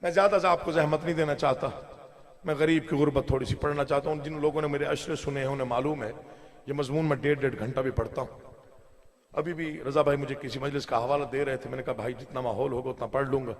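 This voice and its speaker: A man with a Pakistani Urdu accent reciting a Shia mourning sermon to a live gathering, moving from soft asides to loud chanted lament. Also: mid-range voice, fairly even intonation, quick pace. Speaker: majlis reciter. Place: large hall before a live gathering. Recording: live recording with long hall reverb.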